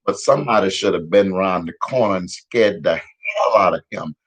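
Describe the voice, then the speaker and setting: A man giving casual, profane news commentary in a heated, repetitive rant, a little hoarse. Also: low voice, moderate pace, fairly bright tone, rough recording. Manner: profane, heated, repetitive, laughs at own jokes. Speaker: vlogger giving street-style news commentary.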